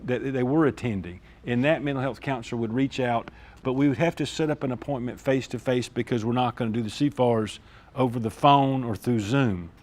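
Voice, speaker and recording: A man's voice: medium pitch, a little mellow. A man, a school district administrator explaining discipline procedures at a staff meeting in an informal way, often checking in with "all right?".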